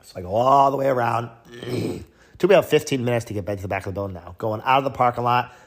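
A man's voice: medium pitch, quick pace. A man, a truck driver, telling a story in a rambling, casual rant full of fillers, acting out the people he quotes.

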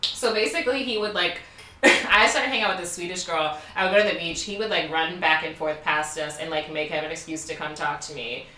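A young Baltimore woman, a podcast co-host, tells a candid story in casual chat, laughing often and peppering her speech with "like." Her voice is low and steady in tone, fairly quick, pushed and bright. She's off-mic and far from it, in an echoey room.

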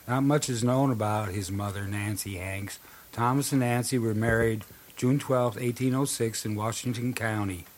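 A man hosting a podcast, telling anecdotes and narrating history in a loose, conversational way. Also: medium pitch. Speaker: podcast host.

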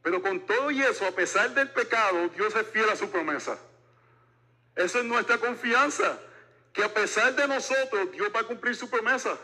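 A man in his forties delivering a sermon to his congregation. His voice sits a bit high and sounds bright and forceful. He preaches in a chatty style and slips humor in between points. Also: moderate pace. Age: 40s. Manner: joking, conversational preaching. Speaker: pastor.

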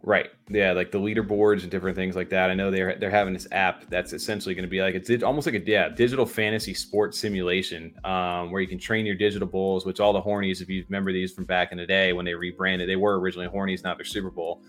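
Deep-voiced man rambling on a livestream. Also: level tone, quick pace, hardly any pauses, a bit bright. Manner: rambling, many fillers and restarts. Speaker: livestream co-host. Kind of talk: casual chat.

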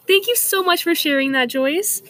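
A woman's voice: very high voice, lively intonation, normal speed, a bit bright, faint music behind. A young woman hosting a scripted mock talk show in an upbeat, slightly stiff way. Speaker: host.

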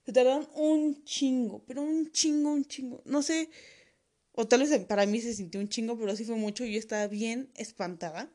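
Brief: Mexican woman, fairly high voice, crude slang-heavy comic storytelling. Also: fairly even intonation, moderate pace, warm tone. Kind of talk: comedic personal anecdote.

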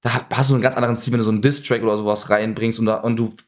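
A man's voice: on the low side, little pitch movement, very fast. A young man co-hosting a casual podcast chat, arguing his points with many restarts. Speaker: podcast co-host.

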